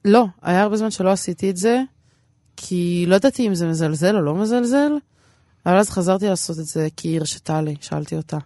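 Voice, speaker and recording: A woman's voice: lowish voice, dark tone, no echo, clean studio sound. A woman with an Israeli accent talking casually as an interview guest, in a rambling, self-deprecating, repetitive way. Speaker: stand-up comedian, interview guest.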